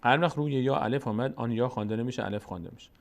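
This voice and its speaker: A man with an Afghan Dari accent gives a step-by-step Quran reading lesson. He speaks patiently and repeats each syllable slowly and drawn out, so learners can follow. His voice sits at a middle pitch. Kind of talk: slow step-by-step recitation lesson.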